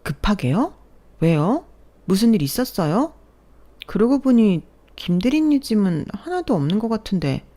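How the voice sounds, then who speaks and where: A gushing young female office coworker from a storybook tale, excitable and full of rapid questions, as a woman narrator puts her on. The voice is raised and lively, with a soft, mellow tone. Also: mid-range voice, pitched above the performer's own voice. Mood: curious.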